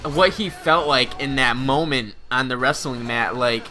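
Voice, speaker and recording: A man in his twenties recounting high school stories over gameplay commentary, animated and slangy, laughing as he goes. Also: unhurried, soft background music. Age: 20s. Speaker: gaming channel host.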